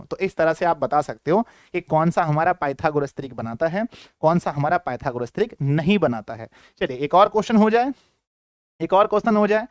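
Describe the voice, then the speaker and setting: Lively high-voiced male maths teacher. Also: no echo, clean studio sound. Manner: playful, acts out students' replies in a sing-song voice. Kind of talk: energetic classroom lesson.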